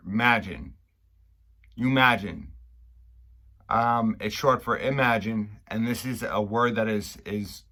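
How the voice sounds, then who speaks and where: Maine accent guy, kinda low but bright forceful voice, casual rambly explainer, stops and restarts a lot. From Maine, United States. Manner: halting, rambling, repeats and restarts phrases. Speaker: video maker explaining local slang. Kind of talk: casual unscripted explainer chat.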